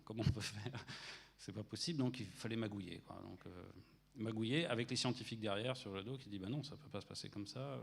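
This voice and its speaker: Gravelly-voiced man giving a colloquial talk. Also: fairly low pitch. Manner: colloquial, anecdotal, wry. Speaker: visual effects professional, conference speaker. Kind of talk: informal conference talk.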